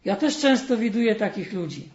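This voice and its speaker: A sweet, serene old woman from a spoken fable, with a man doing her voice, asking questions gently. Her voice sits high and light. The room rings around her, and the recording sounds dull. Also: very animated, fairly quick, echoey room. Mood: gentle, kindly. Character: tiny cheerful old woman, kind and serene. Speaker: storyteller.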